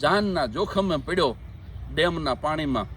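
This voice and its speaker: A man with a Gujarati accent tells jokes and funny stories on stage, his voice sitting high for a man. He chats with the crowd as if talking to friends. A faint hiss of noise runs under the live recording. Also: lively intonation, moderate pace, fairly bright tone. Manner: chatty joke-telling, addressing the audience as friends. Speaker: stand-up comedian. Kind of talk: Gujarati folk stand-up storytelling.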